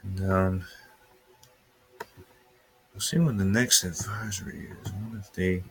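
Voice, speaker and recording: Low, husky and a bit bright, this weather livestreamer's voice holds steady and unhurried. He gives offhand, unscripted weather talk over a webcam in an upstairs room at home, describing his screen as he goes.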